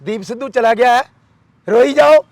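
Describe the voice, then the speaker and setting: Fiery high-voiced man. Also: dry recording. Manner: fiery, rhetorical, repeats demands in rapid lists. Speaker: interviewee. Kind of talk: impassioned political interview.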